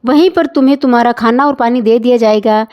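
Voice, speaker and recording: A woman's voice: fairly high pitch, brisk, highs cut off, natural voice. A woman voicing a strict, traditional older mother-in-law with a scolding, insistent manner, in a storybook reading. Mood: instructing.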